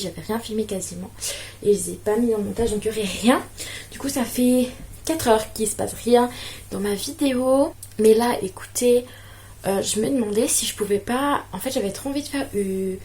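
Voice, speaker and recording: A woman's voice: mid-range voice, mellow, a little hiss or hum. A young woman from France chatting casually through a home vlog, self-mocking and full of fillers. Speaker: vlogger. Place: home, indoors.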